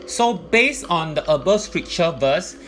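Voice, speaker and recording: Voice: mid-range voice, expressive, unhurried, fairly bright tone. A presenter giving explanatory religious teaching in a methodical, point-by-point way.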